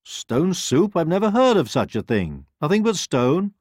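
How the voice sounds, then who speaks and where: A kindly, worried pig from a storybook, talking high and eager, as a man voices him. The voice is husky and lively, recorded close and dry. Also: quick pace, dry recording.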